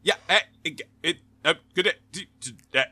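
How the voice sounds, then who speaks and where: A man's voice: fairly high pitch, moderate pace, slightly rough, no room sound. A man on a podcast pretending his connection is breaking up, stuttering in choppy cut-off bits. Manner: jokey, deadpan bits. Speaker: podcast co-host. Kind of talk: casual comedic chat.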